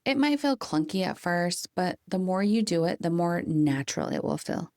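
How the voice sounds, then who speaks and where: A woman hosting a podcast, giving a calm, coaching motivational talk with deliberate, slowed emphasis. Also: lowish voice, dry recording, clean studio sound. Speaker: podcast host. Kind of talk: scripted motivational monologue.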